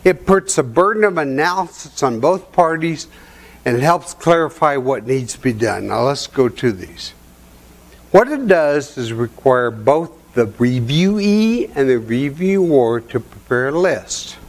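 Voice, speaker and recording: An older man presents at a conference to a seated audience, moving from practical advice into folksy family anecdotes. He talks in a relaxed storytelling way and chuckles at his own punchlines. His voice sits at an ordinary middle pitch, picked up by a lapel mic in a hotel meeting room. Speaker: seminar presenter.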